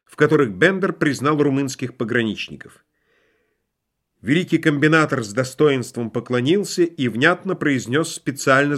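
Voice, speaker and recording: A man narrating a literary audiobook in an expressive, lively storytelling manner. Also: medium pitch.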